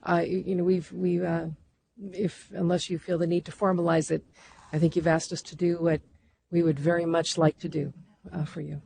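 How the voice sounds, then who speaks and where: A woman's voice: fairly low pitch, flat delivery, normal speed, gravelly, mellow, a little hiss or hum. A woman on the commission staff answering questions at a public meeting, thoughtful and restarting her sentences as she thinks.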